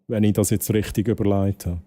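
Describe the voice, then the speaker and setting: Mellow Swiss German man chatting on stream. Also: fairly low pitch, fairly even intonation, brisk. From Switzerland. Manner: rambling, repeats phrases, slips in English words. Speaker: game livestreamer. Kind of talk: casual chat with stream viewers.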